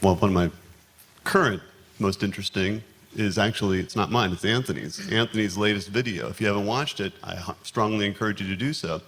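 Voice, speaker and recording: A teacher on a panel, speaking haltingly with many restarts and fillers. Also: male voice, lowish voice, fairly bright tone, long reverb tail. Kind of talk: panel discussion.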